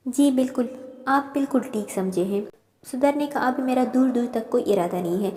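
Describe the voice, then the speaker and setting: A woman's voice: a little high, normal speed, warm tone, lightly acted. A woman voicing a playful, cheeky young female student in a storybook reading. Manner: bubbly, cheeky. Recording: roomy reverb.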